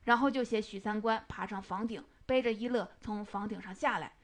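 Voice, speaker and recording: A woman retelling and analyzing a novel in a measured, explanatory storytelling manner. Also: mid-range voice. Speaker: book commentator.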